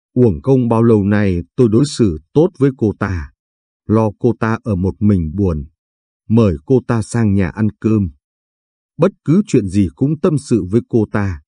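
A man's voice: fairly low pitch, warm tone, slightly rough, dry recording. A man narrating a dramatic first-person audio story with emotional delivery.

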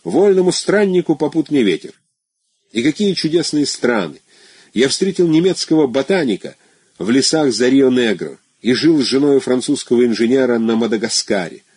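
A man's voice: medium pitch, sing-song, moderate pace, a little mellow, husky, no room sound, pitched above the performer's own voice. A man reading an audiobook, voicing an effusive, talkative former classmate who rambles through old memories. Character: chatty nostalgic former classmate, adult man. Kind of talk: audiobook character voice.

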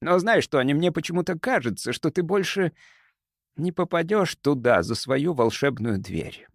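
A man putting on a calm, sly old doctor. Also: a little high, moderate pace, no echo, studio quality, voice pushed up. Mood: gentle, fatherly. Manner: soft, sweetly calm, unflappable. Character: sly smooth-talking older male doctor.

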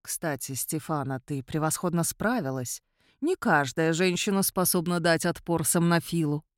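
A woman putting on a thousand-year-old male vampire count, lowered into a soft, hushed register. He talks slowly and with cool superiority, and the recording is close and dry. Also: no room sound, lightly acted. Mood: soft, even. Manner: quiet, measured, coolly superior. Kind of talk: audiobook character voice.

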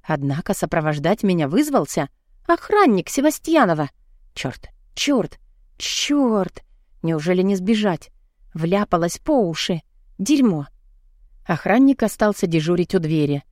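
A woman's voice: very animated, moderate pace, darkish tone, dry recording, clean studio sound. A woman narrating a first-person audiobook with tense, panicked delivery. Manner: tense, panicked, raising pitch in outbursts.

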